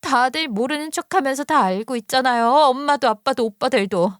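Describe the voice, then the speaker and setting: Woman acting out a defiant young daughter, bitter, accusing, higher-pitched, softer-spoken, dry close storybook read. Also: a little fast, no echo, close to an everyday voice. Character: defiant young woman confronting her mother.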